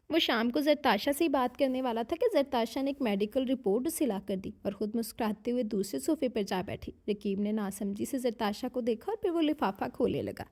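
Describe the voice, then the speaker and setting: Woman narrating a romance novel. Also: on the high side. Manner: even, storytelling.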